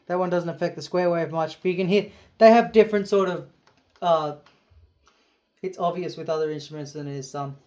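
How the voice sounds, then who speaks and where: A man's voice: fairly high pitch, steady tone, brisk, pauses often, recorded from a distance. A man casually reviewing keytars in his small home studio, rambling and enthusiastic, with many fillers. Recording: roomy studio with keyboard music behind.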